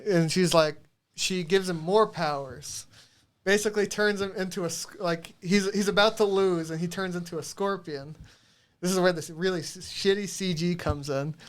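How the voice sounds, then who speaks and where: A man's voice: high-pitched, fairly even intonation, normal speed. A man co-hosting a podcast, casually recapping a movie, rambling, swearing and laughing as he goes. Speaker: podcast co-host.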